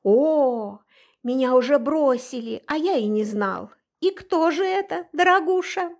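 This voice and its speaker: A woman voicing a playful, mocking young male witch hunter in an audiobook, with a slow drawl. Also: sits high, animated, pitched above the performer's own voice.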